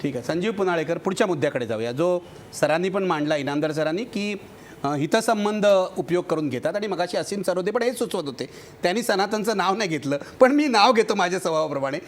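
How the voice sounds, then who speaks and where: A man with a fairly high voice anchors a televised debate. He moderates calmly and briskly, moving the panel from one point to the next. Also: slight background noise. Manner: steers the discussion, calm and brisk.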